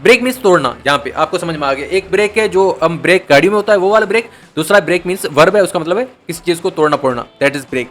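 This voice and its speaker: A man from Pakistan teaching an exam prep lecture, who mixes Urdu explanations with English terms and slows down to read definitions aloud. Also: sits high, lively intonation, fairly bright tone.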